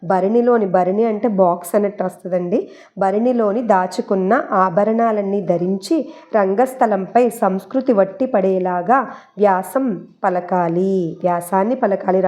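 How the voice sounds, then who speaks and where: A woman with a dark, mid-range voice teaches exam prep, explaining memory tricks for a Telugu syllabus. She chats her way through them, repeating key points and mixing in English words.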